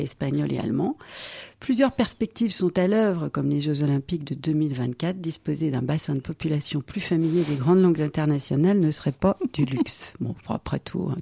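Casting note: dark, gravelly woman reading the press review with dry humor, dry studio sound. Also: low-pitched, normal speed, no room sound. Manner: wry asides, light laughs. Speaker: radio press review presenter. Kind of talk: scripted press review with asides.

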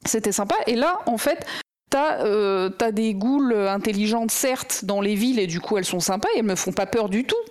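A woman's voice: medium pitch, moderate pace. A woman co-hosting a podcast in casual chat, rambling with many fillers and restarts. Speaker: podcast co-host.

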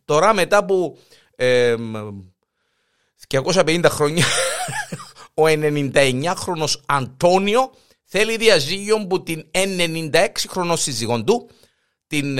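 A man's voice: fairly high pitch, a bit bright, clean tone. A man with a Cypriot Greek accent hosting a jokey gossip news segment, storytelling with animation. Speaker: host. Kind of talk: comic gossip news chat.

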